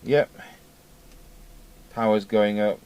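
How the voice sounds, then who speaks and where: A man with a lowish, steady voice takes his time, quietly thinking aloud while demonstrating a casual repair as a radio repair technician at an indoor workbench. The highs are cut off in the recording, which has clear background noise and a workshop atmosphere.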